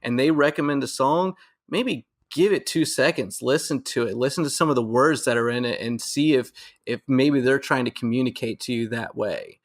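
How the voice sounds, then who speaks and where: A man's voice: medium pitch, moderate pace. A young man co-hosting a podcast, talking in an easygoing, earnest way and repeating words. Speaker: podcast co-host. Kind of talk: casual chat.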